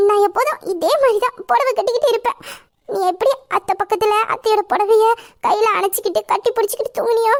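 A woman with a Tamil accent playing a devoted young wife, tender and tearful as she soothes her husband. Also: very high voice. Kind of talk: romantic audio drama.

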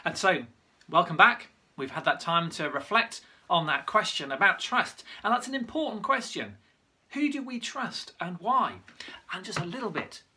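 A church leader giving a lively Bible story talk for online worship, using props and sometimes stumbling over names. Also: medium pitch, moderate pace. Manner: lively storytelling with props, loses track and corrects itself.

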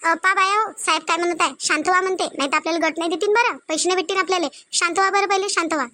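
A woman voicing a calm village women's group leader who keeps soothing the others, with a Varhadi Marathi accent and a pleading, repetitive manner. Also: very high voice, racing, no echo.

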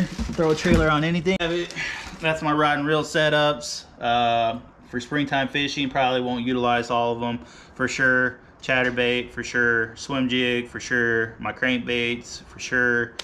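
A man in his thirties, a fishing vlogger, casually walking through his gear in a garage, relaxed and rambling with many ums and uhs. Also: medium pitch, a little hiss or hum. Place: garage, seated by boat gear.

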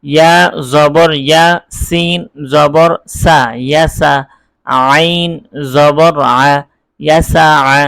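A male Quran teacher leads a recorded spelling lesson, sounding out each letter and vowel mark slowly and distinctly. His voice sits a little high for a man. The recording is dry and close, with no room sound. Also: little pitch movement, gravelly, a bit bright, clear, resonant tone, no room sound. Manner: quick, explanatory talk between the drills.

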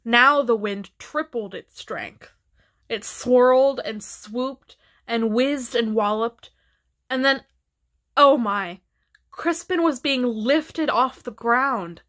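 A woman reading a children's picture book aloud in a gentle, expressive way. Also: on the high side, slow. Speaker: storybook reader.

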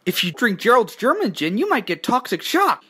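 A woman voicing a pushy, cartoonish pitch character in a remixed commercial skit, with a sales-pitch delivery. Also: big pitch swings, moderate pace. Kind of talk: chopped comedy remix of short commercial skits. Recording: loud noise over remixed audio.

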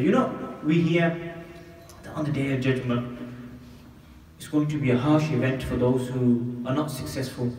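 Earnest imam preaching in an echoey hall. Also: male voice, fairly high pitch, darkish tone, recorded from a distance, a little hiss or hum. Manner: earnest, rhetorical questions, measured emphasis. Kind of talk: Friday sermon. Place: mosque room, indoors. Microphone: desk mic on stand.

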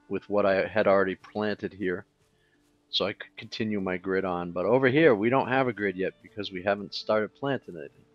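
A man talking through a game tutorial in a relaxed, casual way, thinking aloud with fillers as he clicks along. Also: on the low side, no room sound, lo-fi sound. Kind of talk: casual screen-recorded tutorial.

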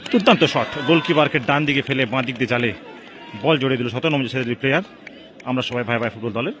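A man giving live, excited play-by-play football commentary at an outdoor match. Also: mid-range voice, rapid-fire. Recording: crowd and outdoor noise behind. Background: outdoor crowd at a local football match.

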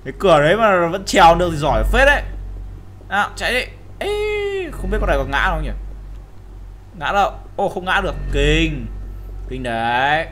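A young man with a slightly high voice talks his way through a horror game as a gaming host. He yelps and shouts at the scares and drops to a mutter while sneaking. A faint hiss of noise sits under the recording. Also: big pitch swings, normal speed, pauses often. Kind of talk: horror game let's play commentary.

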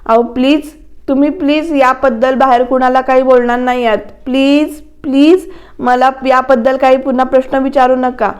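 A woman's voice: sits high, little pitch movement, moderate pace, a little mellow, close to an everyday voice. A woman voicing an aging mother who pleads with and soothes her husband. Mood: pleading.

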